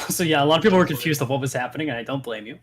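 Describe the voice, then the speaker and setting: A man in a casual voice call, easygoing and teasing, trailing off softly at the ends of thoughts. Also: mid-range voice, very fast, soft background music.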